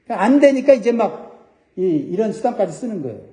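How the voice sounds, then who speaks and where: High-pitched, mellow-voiced preaching pastor. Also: male voice, big pitch swings, fast talker, roomy sound, poor audio. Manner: earnest preaching, addressing congregation directly. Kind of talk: sermon.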